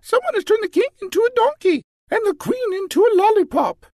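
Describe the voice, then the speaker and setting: A man voicing a tearful little princess who cries out and pleads, in a very high voice. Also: lively intonation, fairly quick, creaky, darkish tone, no echo, studio quality, exaggerated voice. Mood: pleading. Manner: crying out, pleading.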